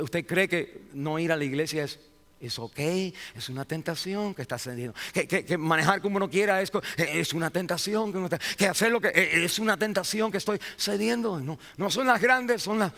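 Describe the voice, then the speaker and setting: A man preaching a sermon as pastor, impassioned, building to near-shouted climaxes with frequent restarts. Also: on the high side, vocal fry. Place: church sanctuary. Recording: long hall reverb.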